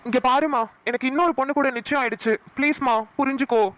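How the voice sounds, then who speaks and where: A woman's voice: high-pitched, steady tone, fast, a bit bright, dry recording. A woman voicing an irritated young man on a phone call in a cartoon. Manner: irritated, exasperated. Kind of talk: cartoon voice acting.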